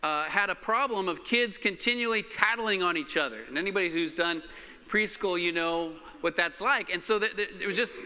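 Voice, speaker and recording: A man's voice: sits high, clear, resonant tone. Man preaching into a pulpit microphone. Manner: relaxed, halting, with many fillers. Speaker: pastor. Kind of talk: sermon. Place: church hall. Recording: reverberant church hall.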